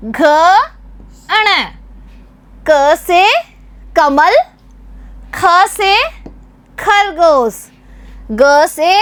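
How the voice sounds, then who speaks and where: A woman teaching a children's Hindi lesson with a Rajasthani Hindi accent, patient and slow, quizzing the class with repeated questions. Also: very high voice, a bit bright, no echo. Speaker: primary school teacher.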